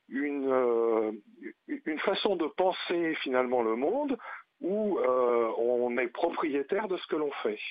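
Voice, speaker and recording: A man heard over a landline phone, the sound dull and a little lo-fi with no room around it. He explains things patiently at a middling pitch, often hesitating to find his words. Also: no room sound. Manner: explanatory, with frequent hesitations and fillers. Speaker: guest teacher and union representative. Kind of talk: radio phone-in interview. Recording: muffled phone line, dry.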